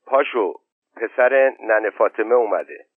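A man reading aloud voices a calm village man who speaks quietly and steadily. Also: mid-range voice, slightly rough, no echo, natural voice. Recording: thin phone-like sound.

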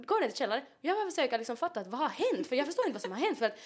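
A young woman with a Finland Swedish accent, co-hosting a podcast in casual chat, talking fast and loose with lots of filler words and English phrases mixed in. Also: high-pitched, sing-song. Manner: chatty, heavy use of fillers like liksom, mixes in English. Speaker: podcast co-host.

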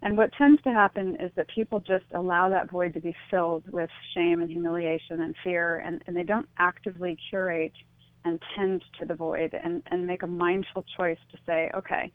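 Over a thin, dry phone line, a middle-aged radio guest earnestly and reflectively explains what she thinks, frequently saying "you know." Her pitch is fairly low, her intonation fairly even, and her pace moderate.

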